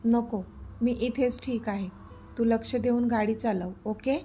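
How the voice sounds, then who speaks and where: A woman's voice: fairly high pitch, fairly even intonation, unhurried, warm tone, soft background music, lightly acted. A woman voicing a shy young woman who sulks playfully at her boyfriend in a read-aloud story. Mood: sulky. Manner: sulky, mock-angry.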